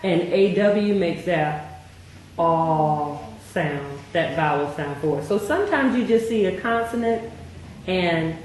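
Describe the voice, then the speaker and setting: A woman's voice: lowish voice, animated, a little mellow. A woman tutoring a child in reading, asking patient questions and praising often. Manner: patient, encouraging, slow questioning prompts. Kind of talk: one-on-one phonics tutoring. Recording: very echoey room, faint noise.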